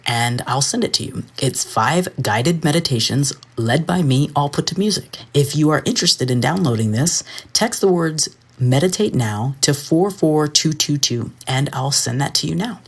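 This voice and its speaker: A woman hosting a podcast in easy casual chat, playful and quick to laugh. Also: deep voice, breathy edge. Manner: playful, laughs often, breezy. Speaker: podcast host.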